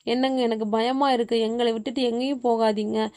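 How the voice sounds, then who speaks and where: A woman's voice: a little high, level tone, fairly quick, dark tone, no room sound, studio quality, lightly acted. A woman voicing a frightened wife and mother who anxiously pleads with her husband. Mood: pleading.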